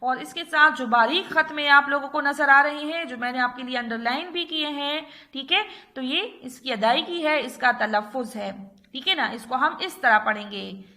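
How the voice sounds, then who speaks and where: Bright high-voiced woman teacher. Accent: Urdu-speaking Pakistani. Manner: patient, repeats "theek hai" often, drills letters slowly. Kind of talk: recorded online class lesson.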